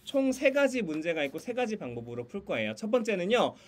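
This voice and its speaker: Over a video call with a computer mic, a high-pitched man with big pitch swings and a quick pace presents a children's Sunday school curriculum to teachers in an online training. He walks through the lesson and quiz games, laughing often and teasing in a playful game voice.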